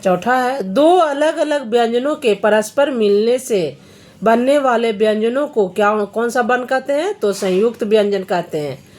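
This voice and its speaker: A woman's voice: a little high, expressive, unhurried, a little mellow. A woman teacher going through Hindi grammar questions for students, reading each question and then patiently explaining the answer.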